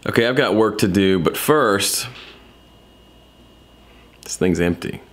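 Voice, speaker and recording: Male vlogger, lowish pitch, highly animated delivery, playful and self-mocking, slight gap-tooth whistle on S. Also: takes it slowly. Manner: playful, self-deprecating joking. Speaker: vlogger and podcast host. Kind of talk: casual chatty vlog.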